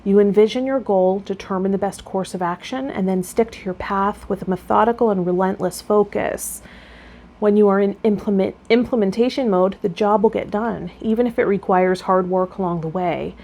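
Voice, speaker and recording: A woman who makes tarot vlogs and acts as a guide reads card meanings, then chats casually and directly with her viewers. Her voice is medium-pitched and darkish at a moderate pace, with clear background noise in the recording.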